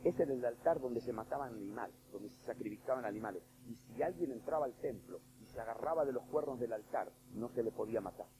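A male preacher delivers a sermon in a mellow, relaxed-toned voice of middling pitch. He is emphatic, dropping to a hush and then rising to loud, pressing points with direct questions to the congregation. A faint hiss sits under the recording. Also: fast, hardly any pauses, low-quality recording. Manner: swings between hushed and loud.

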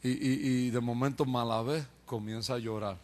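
With medium pitch, fairly even intonation, and a moderate pace, the man recounts his testimony as a preacher. He mimics quoted voices and pokes fun at himself, laughing along.

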